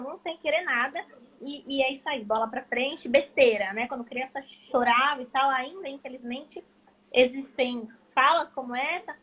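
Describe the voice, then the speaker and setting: Bright, high-voiced woman hosting a live. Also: poor audio. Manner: affirming, emphatic. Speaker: live-stream host. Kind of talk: conversational live stream.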